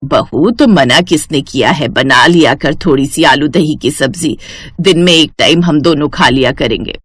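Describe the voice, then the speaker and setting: A woman's voice: deep voice, moderate pace, fairly bright tone, husky, dry recording. Bossy old grandmother, scolding and instructive, voiced by a woman, dry close sound. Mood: instructing. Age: older. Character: grandmother, bossy but caring mother-in-law. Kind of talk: Hindi cartoon voice acting.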